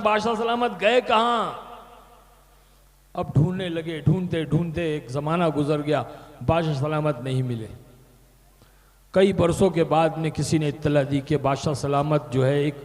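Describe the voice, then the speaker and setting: A man preaching a sermon as a story, animated, repeating phrases for emphasis. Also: a little high. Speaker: Islamic preacher. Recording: hall reverb.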